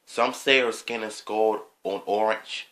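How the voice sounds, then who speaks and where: A man speaks slowly and haltingly in an opinion vlog, stopping often for ums and to clear his throat. His voice sits a little low, yet its tone is bright and forward. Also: steady tone. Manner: slow, hesitant, with frequent ums and throat clearing. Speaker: vlogger.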